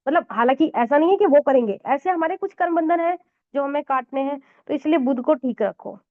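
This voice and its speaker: A Vedic astrology teacher gives a conversational lesson, her high-pitched voice animated and fairly quick. She explains with frequent fillers and mixes in English words, and the audio sounds tinny, like a phone.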